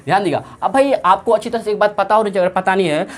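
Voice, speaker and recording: A woman's voice: medium pitch, rapid-fire. A woman math teacher with a Bihari Hindi accent, working through sums in a classroom lesson and answering her own repeated questions. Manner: asks questions and answers them herself, repeats every step.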